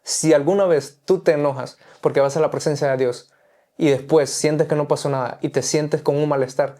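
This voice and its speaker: Guy preaching in a chat, earnest and pushy, kinda dark mellow voice. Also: fairly high pitch, steady tone, moderate pace. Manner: earnest, exhorting, repetitive phrasing. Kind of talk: preaching in conversation.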